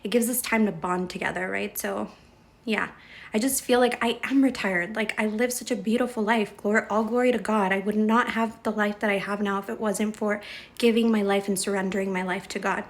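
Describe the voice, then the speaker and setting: A woman's voice: medium pitch, fairly even intonation, fairly quick, low-quality recording. A young woman in a casual vlog, chatting about her faith and retelling a Bible story, often saying "like" and "right.". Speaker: vlogger.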